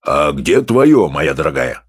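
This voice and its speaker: A man reading an audiobook and voicing a gruff, domineering professor who growls and mocks. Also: very deep voice, very animated, unhurried, no room sound, clean studio sound, pitched below the performer's own voice, full character voice. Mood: growling. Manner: growling, mocking.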